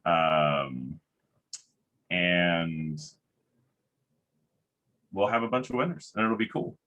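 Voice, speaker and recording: Deep slow-talking man making announcements. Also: muffled recording. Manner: relaxed, rambling with fillers. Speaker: conference organizer introducing sessions. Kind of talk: casual announcements.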